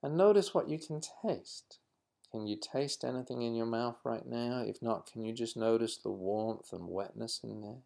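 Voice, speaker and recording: A man leading a guided mindfulness exercise in a slow, calm, instructive manner. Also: medium pitch, gravelly. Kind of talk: guided meditation.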